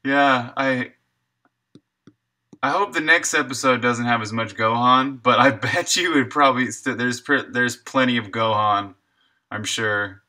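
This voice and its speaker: While streaming his game dev work, a thirtysomething American guy keeps things relaxed and slangy, laughing readily. He speaks at a measured pace with a medium-pitched voice that sounds bright and forceful.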